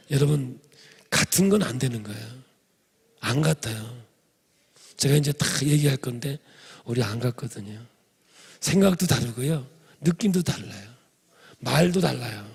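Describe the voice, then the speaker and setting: Gravelly-voiced pastor preaching with humor. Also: male voice, mid-range voice, darkish tone. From Chungcheong Province, Korea. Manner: humorous, addresses congregation directly. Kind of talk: revival sermon.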